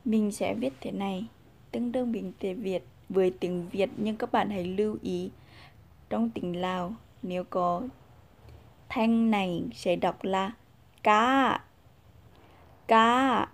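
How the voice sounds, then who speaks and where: A woman teaching a casual language lesson, patient, repeating example sounds and pausing with fillers; Vietnamese is her first language. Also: medium pitch, steady tone, darkish tone.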